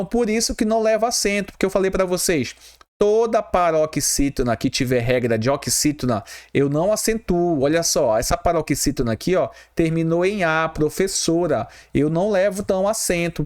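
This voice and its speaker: A man teaching an exam-prep grammar lesson, often slowing down to spell out letters and checking in with a quick question. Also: on the high side. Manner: spells out letters slowly, repeats "tá bom?" and "ó".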